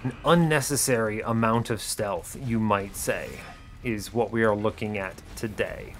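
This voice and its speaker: A man with a lowish voice talks at a measured pace while faint music plays behind him. He hosts an educational gaming video series, thinking aloud in casual, chatty commentary full of breezy, wry understatement.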